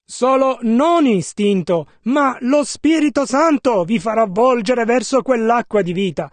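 A man renders a preacher's sermon line by line in a steady, measured voice. His pitch is very high. The sound is dry and close, with no room around it. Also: no room sound. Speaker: interpreter. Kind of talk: sermon interpretation.

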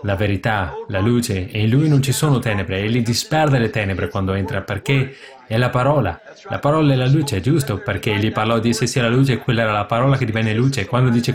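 A man preaching a sermon with fervor, building to excited exclamations. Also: lowish voice. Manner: fervent, rising to excited exclamations. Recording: live congregation audible behind. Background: congregation.

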